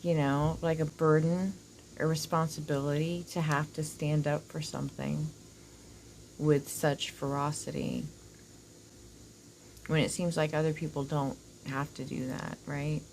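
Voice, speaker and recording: A woman's voice: sits low, level tone, a little slow, darkish tone, slight background noise, poor audio. A woman with a whistling s, giving a casual, rambling oracle card reading to viewers, informal and happy to swear. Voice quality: whistling s from dental work. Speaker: oracle card reader, host.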